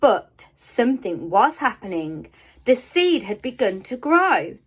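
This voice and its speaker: The audio is poor, but a woman's fairly high, husky voice comes through as she reads a picture book for children. Like a primary teacher, she's expressive, leaving deliberate pauses and emphasising key words.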